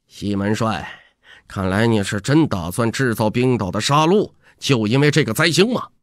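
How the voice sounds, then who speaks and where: Brief: a man playing a sullen gang boss in an audiobook, low cold threats, dry close sound. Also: lively intonation, moderate pace, dry recording, natural voice. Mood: menacing. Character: menacing male gang leader, gloomy and hostile.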